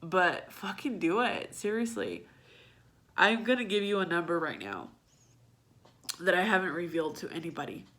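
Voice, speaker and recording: Low-pitched woman, candid and bright-toned. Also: expressive, moderate pace, long pauses. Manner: raw, emotional and blunt, swearing freely. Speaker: vlogger. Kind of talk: candid personal vlog.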